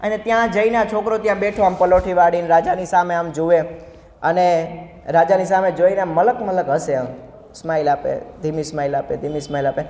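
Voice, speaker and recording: A man's voice: high-pitched, steady tone, fairly quick, a little mellow. A man giving a devotional sermon in a large hall, speaking in a conversational, explanatory way and telling stories. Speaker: preacher. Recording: echoey hall reverb.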